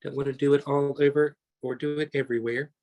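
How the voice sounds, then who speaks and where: A man's voice: medium pitch, level tone, fast, a little mellow. Chatty man teaching a painting class. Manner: chatty, talks through each step, self-correcting. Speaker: painting instructor. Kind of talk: live online painting class demonstration.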